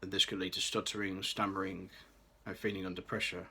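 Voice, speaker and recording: With little pitch movement and a brisk pace, a young Birmingham man in his late 20s speaks in a low, bright, slightly rough voice. His scripted personal vlog comes across as careful reading, with a few restarts.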